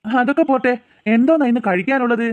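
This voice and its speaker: A teasing, easygoing cartoon father, voiced by a man, his voice set high and talking fast. His speech sounds dry, close and plain. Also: animated, dry recording. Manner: jokey, coaxing, quick talk.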